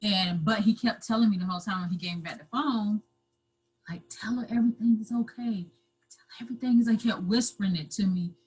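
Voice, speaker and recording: A woman guest telling her own story in an interview, halting and repeating herself, at times close to tears. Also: mid-range voice, husky, rough recording. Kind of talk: emotional personal storytelling.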